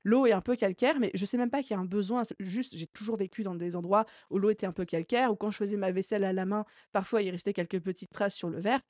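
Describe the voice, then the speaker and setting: A woman's voice: medium pitch, steady tone, fast talker, hardly any pauses, a little mellow, dry recording, studio quality. A woman hosting a solo podcast, explaining marketing ideas in a conversational, teaching way with frequent fillers. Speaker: podcast host and marketing coach. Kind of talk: solo educational podcast talk.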